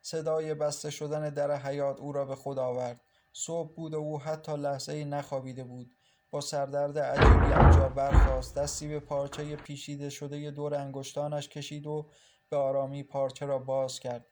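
A man's voice: fairly high pitch, level tone, background noise. Man narrating a sorrowful story. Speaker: audiobook narrator. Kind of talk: dramatic audiobook narration.

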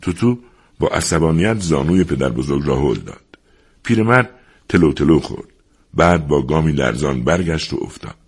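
A man reading a story aloud in a slow, measured storybook narration with a husky voice. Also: very deep voice, sing-song.

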